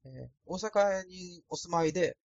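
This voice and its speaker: A man's voice: sits high, measured pace, vocal fry, a little mellow, highs cut off, a little hiss or hum. A man from Osaka rambling casually through a solo podcast, with a thin, light voice and a self-deprecating manner. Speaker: podcast host. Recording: dry, no added echo.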